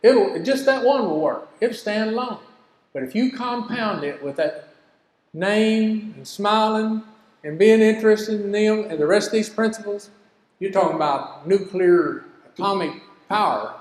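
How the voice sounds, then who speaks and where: A man's voice: sits high, unhurried. Folksy older man in an echoey hall. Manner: homespun, storytelling, earnest. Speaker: business teacher. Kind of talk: folksy teaching talk. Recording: echoey hall with long reverb.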